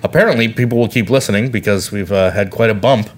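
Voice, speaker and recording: A man's voice: lowish voice, fast. A man co-hosting a podcast in casual chat, talking in a wry, rambling way. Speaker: podcast co-host.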